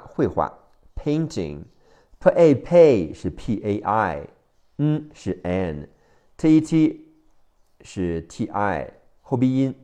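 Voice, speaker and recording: This is a man with a Mandarin Chinese accent teaching English vocabulary by phonics. He spells each word letter by letter and repeats it over and over. His voice sits a little low but moves a lot in pitch, and he goes at a very slow, deliberate pace. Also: mellow.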